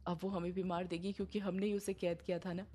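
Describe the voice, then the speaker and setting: A woman's voice: lowish voice, little pitch movement, fast, dark tone, a little hiss or hum, close to an everyday voice. A woman voicing a frightened young village man who stammers as he answers. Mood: scared. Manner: stammering, fearful.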